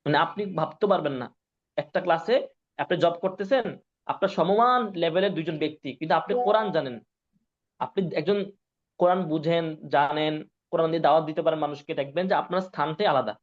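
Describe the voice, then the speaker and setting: A man's voice: fairly high pitch, quick pace. Encouraging male Quran teacher, dull recording. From Bangladesh. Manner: drills syllables, keeps asking if students follow. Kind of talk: classroom lesson. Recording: dull lo-fi sound.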